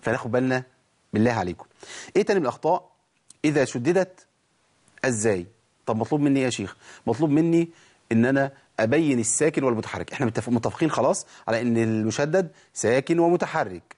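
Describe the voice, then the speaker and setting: A man with an Egyptian accent teaches the rules of recitation at a brisk pace. He keeps throwing questions to his listeners and answering them himself, and his voice sits at an ordinary middle pitch. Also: lively intonation, darkish tone. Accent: Egyptian Arabic. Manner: explains with rhetorical questions, then slow drawn-out recited examples. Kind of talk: tajweed lesson.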